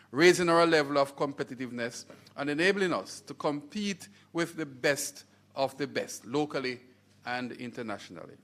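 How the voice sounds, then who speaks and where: A man with a Jamaican accent, a college head giving a formal, emphatic ceremonial speech with stressed words and pauses. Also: on the high side, fairly bright tone. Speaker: university college head speaking at a scholarship launch.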